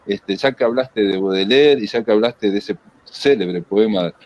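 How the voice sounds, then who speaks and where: A man with a Rioplatense Spanish accent moderating a literary interview in a conversational, halting and discursive way, often rephrasing. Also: lowish voice, darkish tone.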